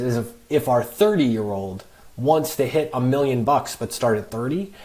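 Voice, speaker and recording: A man's voice: medium pitch, a little mellow. A man talking as a financial advisor guest on a podcast, explaining with emphatic worked examples. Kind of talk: podcast conversation.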